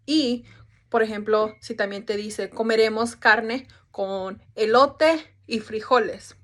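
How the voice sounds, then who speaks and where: A woman's voice: fairly high pitch, a bit bright. A young woman explaining a topic in a class presentation, casual, with restarts and English fillers. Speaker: student presenter.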